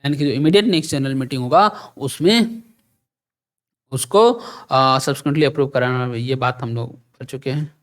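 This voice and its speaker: A male teacher giving an exam-prep law lecture. He reads provisions out slowly and then explains them casually, often asking his students whether they follow. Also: medium pitch. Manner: reads the text out slowly, then explains it in Hindi mixed with English; asks rhetorical checks like "thik hai?".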